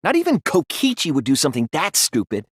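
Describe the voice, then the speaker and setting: This is a deductive monologue from English video game voice acting: a soft-spoken, earnest teenage boy detective, focused and explanatory, reasoning through murder cases. The breathy, medium-pitched delivery is exaggerated, with wildly swooping pitch and dramatic emphasis on each deliberate, analytical point. The audio is bone-dry.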